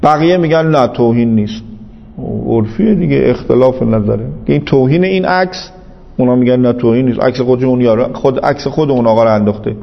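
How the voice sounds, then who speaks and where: Gravelly man lecturing in a reverberant hall. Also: medium pitch, muffled recording. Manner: argumentative, patient, repeats points emphatically. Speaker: teacher of Islamic jurisprudence. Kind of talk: seminary lecture with debate.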